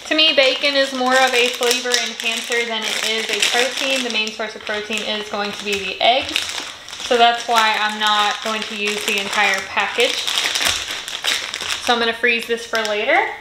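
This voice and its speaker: A woman's voice: a little high, fairly even intonation, moderate pace, roomy sound, very noisy. A woman giving a friendly step-by-step cooking voice-over in a home kitchen. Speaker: cooking channel host.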